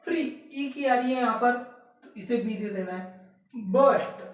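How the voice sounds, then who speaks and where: Unhurried and fairly high in pitch, a woman leads an exam prep lesson, breaking it down step by step with repeated key words and rhetorical questions. The lo-fi recording comes from an echoey room, her voice distant from the mic.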